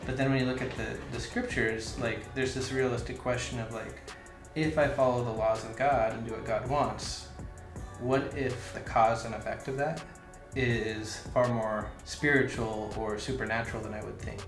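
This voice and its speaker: Man, mid pitch, reflective casual talk, echoey room, music underneath. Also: fairly even intonation, normal speed. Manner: thoughtful, searching for words. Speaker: missionary co-host.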